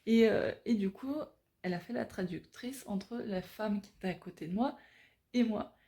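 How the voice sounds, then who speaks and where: A woman from France talks to her viewers in a casual travel vlog. Her voice is mellow and warm, and her delivery rambles along with frequent fillers and restarts. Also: mid-range voice, moderate pace. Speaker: travel vlogger.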